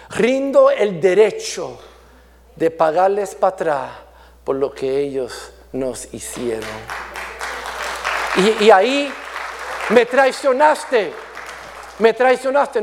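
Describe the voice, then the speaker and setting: High-voiced man preaching slowly. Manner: earnest, with stammered restarts; swings between raised and hushed delivery. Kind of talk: sermon.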